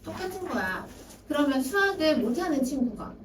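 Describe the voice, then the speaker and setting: Speaking to parents at an information session, a woman academy director makes her points by imitating students' excuses in their own voices. Her voice is high-pitched and very animated at a moderate pace, heard from a distance in an echoey room with faint hiss.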